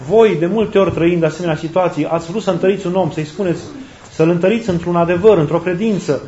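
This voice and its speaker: A man's voice: sits high, mellow, a little hiss or hum. A man, a priest, preaching an earnest sermon, repeating key phrases for emphasis. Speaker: Orthodox priest. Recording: roomy, dull lo-fi recording.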